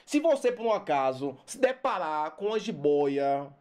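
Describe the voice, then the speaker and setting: A teacher giving an online grammar lesson for exam prep, playful and animated, calling out to the student and chanting rules over and over. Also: mid-range voice, normal speed. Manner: playful, animated, talks straight to the student with repeated calls for attention.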